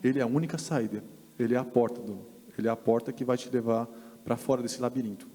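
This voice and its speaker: Brazilian man, podcast guest, earnest halting testimony, long hall reverb. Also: mid-range voice, fairly even intonation, dark tone. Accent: Brazilian Portuguese. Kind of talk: personal faith testimony. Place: church podcast studio.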